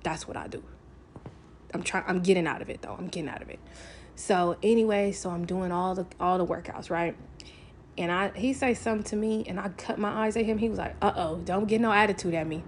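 A woman's voice: on the low side, fairly even intonation, a little fast, a little hiss or hum. A woman talking candidly to camera, telling a personal story in a casual, frank way, swearing freely and filling with "like".

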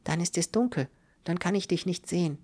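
A man voicing a frightened, feverish young woman in a spoken audiobook, softly and breathily, close to a whisper. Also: sits high, brisk, pitched above the performer's own voice. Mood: quietly pleading. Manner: soft, breathy, near whispering. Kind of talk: audiobook reading.

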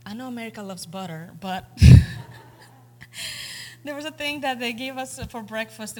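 A woman's voice: medium pitch, a little hiss or hum. A young woman from Romania with a Romanian accent, giving a personal testimony as a guest speaker, earnest and storytelling with frequent ums.

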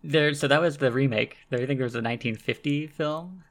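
A man co-hosting a casual podcast about a film, relaxed and hesitant, with many fillers. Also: mid-range voice, a little fast. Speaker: podcast co-host. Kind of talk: casual movie discussion.

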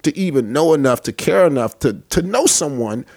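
A man in his forties hosting a podcast, telling stories in an animated way, laughing often and swearing freely. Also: fairly high pitch, a little fast, no room sound, clean studio sound. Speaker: podcast host. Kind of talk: casual chat.

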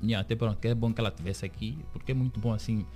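A man being interviewed on the radio as a series creator, telling his story with lively acted-out quotes of other people. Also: lowish voice, rapid-fire, faint music behind. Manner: animated storyteller, acts out quoted dialogue. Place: radio studio.

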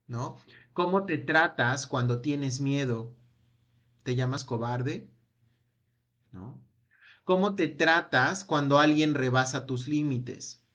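In a medium-pitched voice, a workshop leader guides a self-help session through a lengthy series of soft, reflective questions, letting each one taper into a hushed "no?".

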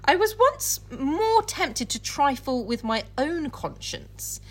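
With a high, sing-song voice and a slow pace, a woman co-hosts a podcast where casual comic banter mixes with dramatic readings from books. She's giggly and irreverent and swears freely.

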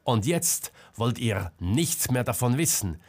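A man's voice: fairly low pitch, lively intonation, a little slow, slightly rough, exaggerated voice. A man voicing a determined female reporter who confronts people bluntly and insistently, in an audiobook. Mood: confronting.

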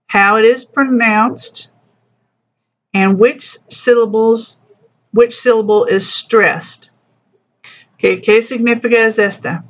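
Slow, patient teacher on a dull recording. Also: medium pitch, fairly bright tone. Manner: slow, patient explanations mixing broken Spanish with English. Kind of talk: recorded class lesson walking through a textbook.

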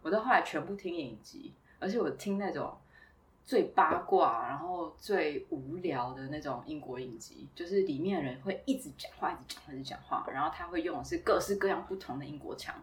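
A woman from Taiwan, a former doctoral student, chatting casually and telling stories in a lively way. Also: low voice, fairly quick, distant mic. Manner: chatty, storytelling, laughs easily. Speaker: guest, former PhD student. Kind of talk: casual conversation.

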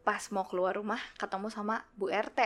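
A woman's voice: mid-range voice, brisk. Young woman telling a ghost story. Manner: animated, acts out quoted voices. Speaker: guest storyteller.

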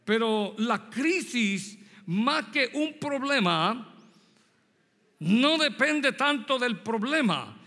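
This sermon comes from a man in his sixties from Puerto Rico whose voice sits high and has a sharp tone. In a Puerto Rican Spanish accent he relates a story from his youth and directly asks the congregation questions. The sound has a long hall reverb.

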